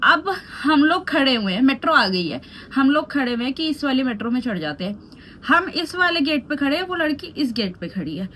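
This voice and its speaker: Brisk and lively, a young woman tells a chatty story for her vlog as she goes through her skincare routine, her voice high and light. She mixes Hindi and English freely. Behind her sits a soft hum of room ambience; she's a beauty vlogger.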